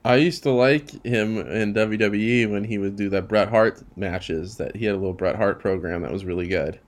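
A man's voice: on the low side, moderate pace. A man co-hosting a casual wrestling podcast, giving opinions with hesitant restarts. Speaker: podcast co-host.

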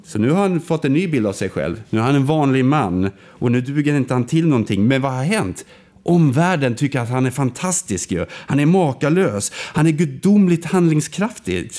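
A man with an expressive, dark-toned voice tells a film story in casual conversation. He acts out the quoted lines with big swings in pitch, but he's hesitant, restarting often and filling gaps with fillers.

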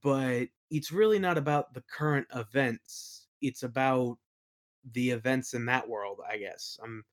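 A man with a medium-pitched voice, an audio play creator, answers interview questions at an unhurried pace in a casual, conversational way, often hesitating as he thinks aloud.

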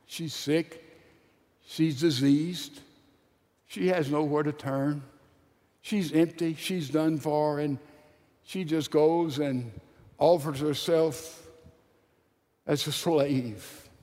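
A high-voiced man preaching in a large church hall, retelling a story slowly and with drama. He moves from ringing declarations to hushed, drawn-out lines. A long reverb trails through the room. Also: fairly even intonation. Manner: swings from loud declaring to hushed, drawn-out phrases.

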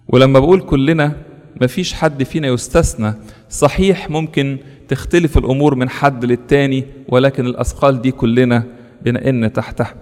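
A man's voice: medium pitch, darkish tone, big-room sound. A man with an Egyptian Arabic accent, a priest giving an earnest sermon that is full of rhetorical questions and lists.

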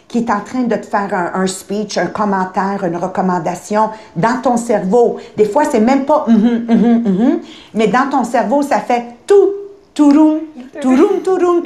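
A woman's voice: medium pitch, a little mellow. A woman on a podcast, talking bluntly and emphatically and slipping English phrases into her speech. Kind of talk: casual podcast chat. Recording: roomy echo.

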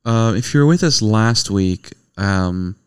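A man's voice: on the low side, animated, takes it slowly, smooth. A middle-aged man co-hosting a podcast, chatting casually and teasing his co-host. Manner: playful, teasing banter. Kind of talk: casual chat.

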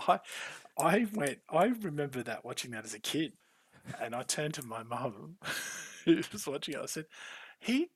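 A man's voice: medium pitch, lively intonation, moderate pace, husky, no room sound. A man co-hosting a casual recap chat, swearing freely and laughing often. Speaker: podcast co-host, show newcomer.

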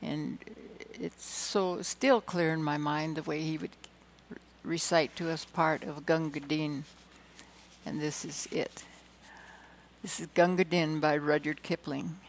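A woman reading poems aloud with dramatic emphasis, slowing and swelling on key lines, with hesitant asides between poems. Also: low voice, steady tone, a little hiss or hum, poor audio. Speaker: poetry reader.

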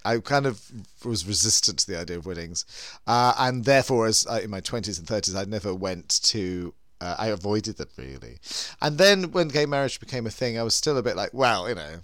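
A middle-aged man with a British accent hosts a casual chat. He is camp and expressive, rambling along with very lively intonation in a dry, close recording. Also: on the low side, a little fast, no room sound. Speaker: podcast host.

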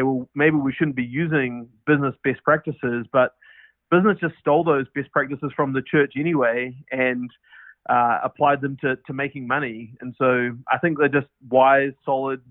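A company founder with a New Zealand accent answers a podcast interview casually and earnestly, with plenty of fillers and restarts. His medium-pitched voice carries no echo but comes through tinny phone-line audio.

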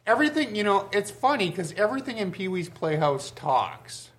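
A man's voice: high voice, big pitch swings, a bit bright. A man co-hosting a casual movie chat in a studio, often throwing questions to the group. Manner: quick to ask the group questions. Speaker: podcast co-host.

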